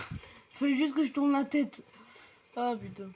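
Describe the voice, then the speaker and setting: A woman's voice: high voice, unhurried, darkish tone, slight background noise. A young woman casually commenting on her gameplay, chatty and explaining each step to viewers with the odd light swear. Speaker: gaming video creator.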